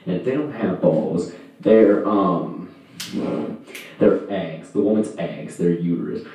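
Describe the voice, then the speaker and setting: In a small home room, a young adult man does an amateur stand-up routine that is profane, crude, self-mocking, halting, and rambling. He speaks with a low pitch and a dark tone. A distant camera captures him with a handheld microphone in view, and there's noticeable echo.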